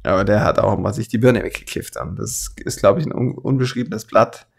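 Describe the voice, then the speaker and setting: This Swabian-accented airbrush artist, speaking with a light southern German lilt, hosts a hands-on tutorial a little fast in a fairly low voice. It's creaky and a bit mellow with a breathy edge, and he's chatty, colloquial and quick to chuckle.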